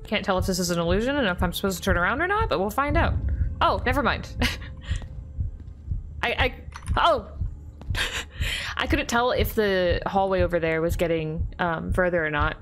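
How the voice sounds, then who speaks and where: A young woman commentating her horror game play, jumpy and excitable, often gasping and laughing nervously. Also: medium pitch, moderate pace, pauses often, a little hiss or hum. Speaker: gaming YouTuber.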